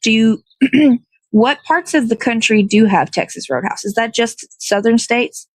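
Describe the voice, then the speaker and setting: Outdoors in the cold, a woman who hosts an online morning show rambles casually during her livestream, thinking aloud. Her voice is fairly high and her pace measured, with no echo.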